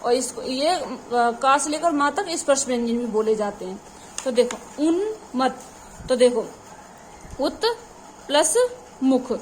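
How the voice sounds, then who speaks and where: High-voiced woman teaching Hindi grammar. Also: takes it slowly, pauses often, a little hiss or hum. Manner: calls the audience "children", asks questions and answers them herself. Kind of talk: exam-prep grammar lesson.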